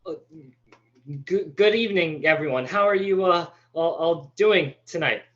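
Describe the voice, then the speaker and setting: A man's voice: a little high, unhurried, a bit bright, dull audio. A man playing a nervous, floundering young first-time comic, stammering awkwardly through a stand-up monologue. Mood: nervous, eager.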